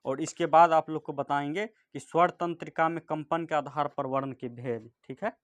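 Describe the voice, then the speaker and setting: A man teaching a grammar lesson at a board, speaking slowly and repeating each point and checking in with the class often. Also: on the high side, fairly even intonation.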